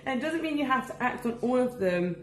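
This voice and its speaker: A woman's voice: sits high, animated, brisk, roomy sound, slight background noise. Upbeat chatty woman vlogging. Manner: chatty and upbeat, laughs often. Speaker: vlogger and business owner. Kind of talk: casual daily vlog. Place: at home, indoors.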